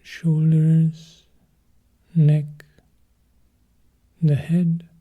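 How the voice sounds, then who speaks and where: A man guides a meditation in a fairly high, soft, breathy and husky voice, calmly speaking short, measured phrases with long gaps. The recording sounds muffled.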